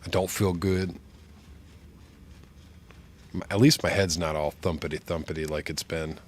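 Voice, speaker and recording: A man's voice: deep voice, steady tone, measured pace. A man sick with flu, congested and nasal as if his nose were pinched, chatting casually and rambling on a gaming livestream. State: sick with flu, stuffed-up sinuses. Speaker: game streamer.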